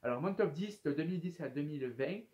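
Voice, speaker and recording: A man's voice: a little high, animated, quick pace, darkish tone, lo-fi sound. A man of twenty-one chatting casually to camera as a YouTube host, hesitant and full of fillers as he reads out viewer questions. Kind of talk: casual FAQ chat to camera.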